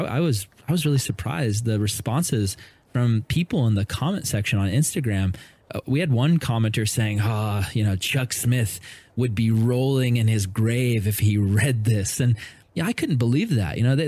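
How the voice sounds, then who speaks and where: A man's voice: mid-range voice, darkish tone. A male podcast host in casual conversation, talking earnestly with frequent fillers. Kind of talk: casual chat.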